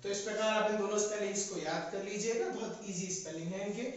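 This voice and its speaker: A woman's voice: medium pitch, steady tone, quick pace. A woman teacher with an Indian English accent, giving an online lesson to young children, spelling words out letter by letter and repeating them. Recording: echoey, distant, dull sound.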